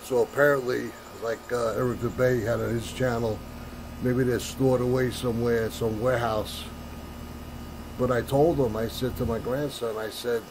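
A man's voice: medium pitch, fairly even intonation, moderate pace, background noise. An older man telling a rambling story in a monologue to camera, full of fillers and "I said". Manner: meandering, repeats "I said", many fillers. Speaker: flat-earth video maker.

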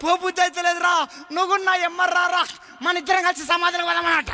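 A man with a Telangana Telugu accent voicing a dying old father who pleads loudly with his son. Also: level tone, fast, heavily acted. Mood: pleading. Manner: pleading, loud and high.

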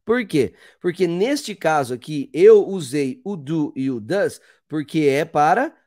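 Lively teacher explaining grammar. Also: male voice, a little high, takes it slowly, no echo, studio quality. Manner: explains step by step, often pointing with "ó"; asks rhetorical questions and answers them. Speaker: English teacher. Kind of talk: whiteboard grammar lesson.

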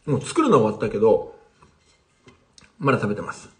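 Man, casual livestream host, chatty, replies to viewer comments, animated pitch. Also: a little fast. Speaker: language teacher streaming live.

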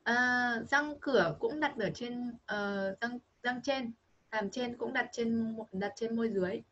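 Woman, Vietnamese accent, English tutor, patient coaching, high-ish voice, breathy. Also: unhurried, fairly bright tone, muffled recording. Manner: patient, coaching, models sounds repeatedly. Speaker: English teacher. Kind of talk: online pronunciation lesson for a child.

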